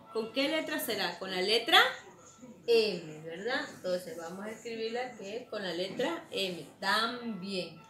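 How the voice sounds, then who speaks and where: A fairly high, bright-toned woman teaching children to spell, moving at an unhurried, patient pace. She asks a question, then answers it herself, and draws out each word as she pronounces it. The sound carries a noticeable room echo. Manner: drawn-out, emphatic pronunciation of words. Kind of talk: online spelling lesson for children.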